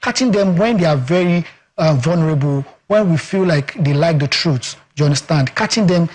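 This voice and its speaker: At a normal speed, in a fairly high and somewhat mellow voice, a Yoruba-accented Nigerian man talks expressively as a communications expert on a TV studio interview. He drives points home rhetorically, repeatedly saying "guess what" and "you understand."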